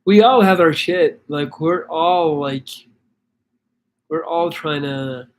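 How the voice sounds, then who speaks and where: A Belgian stream host reads viewer comments and answers questions in a relaxed chat, rambling with lots of fillers and restarts. His voice sits on the high side, and he takes things slowly.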